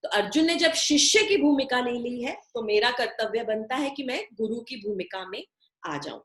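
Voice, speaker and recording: A woman with a fairly high voice gives a devotional scripture lecture. She explains patiently, repeating key phrases for her listeners. The sound carries a noticeable echo of the room around her. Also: expressive, fairly bright tone. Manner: explains slowly with repetition, chants Sanskrit verses. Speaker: scripture teacher.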